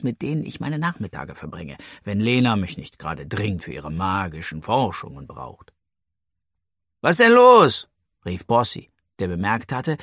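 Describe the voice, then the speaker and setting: Male audiobook narrator, animated pitch, playful chatty delivery, dry close sound. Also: breathy edge, no room sound. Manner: playful, chatty, addresses the listener directly. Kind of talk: first-person children's story narration.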